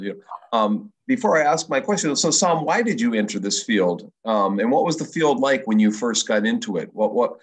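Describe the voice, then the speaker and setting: A man hosting a video-call interview, eager, with quick exclamations and chatty questions. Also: fairly low pitch, rough recording. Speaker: host, instructor. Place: indoors, home office. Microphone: video call with wired earphones.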